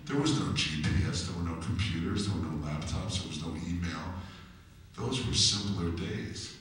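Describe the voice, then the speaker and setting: Brief: fifties New Jersey man, low voice, chatty stage storyteller, echoey hall heard from far off. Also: normal speed, a bit bright. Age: 50s. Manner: chatty, joking, asks the crowd questions. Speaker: musician telling stories on stage. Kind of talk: live storytelling to an audience.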